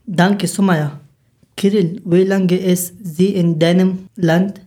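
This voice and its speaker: A woman hosting a scripted interview podcast, asking careful, measured questions. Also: lowish voice, fairly even intonation, dark tone. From Afghanistan. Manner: careful, measured learner's German. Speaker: podcast host.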